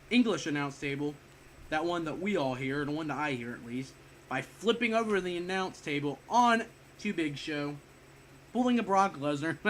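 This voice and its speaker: Somewhat ill and breathless, this young man rambles casually through a wrestling review, frequently self-correcting and tossing in offhand swears. He has a fairly bright voice on the high side, and some faint noise sits in the background.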